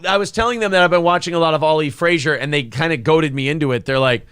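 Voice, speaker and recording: A man's voice: fairly high pitch, fast talker, a bit bright, clean tone, dry recording, clean studio sound. A man hosting a live talk show, bantering and answering listeners in a cocky, taunting, mock-apologetic way, with profanity.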